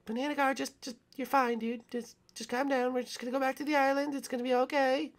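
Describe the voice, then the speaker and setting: A man puts on a girlish pink dinosaur for a game. The voice is a high, airy falsetto. It talks in a casual, laid-back way. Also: normal speed, vocal fry. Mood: soothing.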